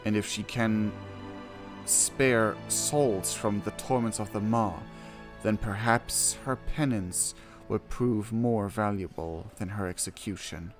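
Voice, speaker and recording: A man streams a game with game music playing behind him, reading quest text aloud and reacting casually. His voice is on the low side and his pace is slow, mixing excitable exclamations with hesitant commentary where he corrects himself.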